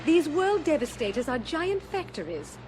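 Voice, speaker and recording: Rebel princess: high voice, earnest and authoritative, science fiction radio play, orchestral music underneath. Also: female voice, very animated, normal speed. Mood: urgent briefing. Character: determined rebel princess and leader, a caring mother. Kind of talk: audio drama acting over orchestral score.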